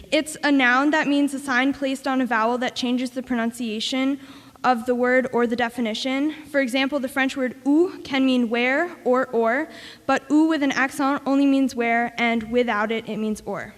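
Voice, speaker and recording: A woman's voice: sits high, steady tone, a little slow. A woman, a student presenter, reading a prepared word presentation earnestly. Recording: long hall reverb.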